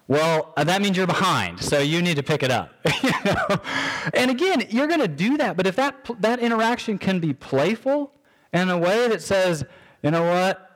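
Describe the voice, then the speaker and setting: A man preaching a conversational sermon, acting out everyday quotes, with frequent restarts and repeated words. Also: high voice. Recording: reverberant hall sound.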